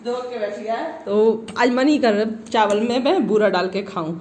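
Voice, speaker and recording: Middle-aged woman vlogger, slightly high voice, chatty with easy laughs, filmed on a handheld phone with room echo and audible background noise. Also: normal speed, a little mellow. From Uttar Pradesh, India. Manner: chatty, laughs often, talks to family and pet. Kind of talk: casual daily vlog. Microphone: handheld phone camera.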